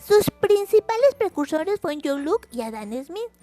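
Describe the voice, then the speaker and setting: A woman's voice: very high voice, sing-song, normal speed, dark tone, soft background music. A woman hosting a simple history lesson for children in a sing-song, chatty way, repeating words for emphasis. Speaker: educational video channel host.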